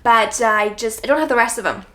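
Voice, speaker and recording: A fast-talking woman with a high, slightly bright voice hosts her own book vlog, speaking casually to the camera. She raves about books she likes and makes self-deprecating asides along the way. Clear background noise and clicks are present.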